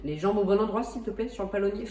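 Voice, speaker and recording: A woman's voice: medium pitch, fast, dark tone, roomy sound, far from the mic, a little hiss or hum. A woman hosting a flight simulator tutorial, talking casually with lots of hesitations and restarts and joking at herself. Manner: chatty, many hesitations and restarts, self-joking.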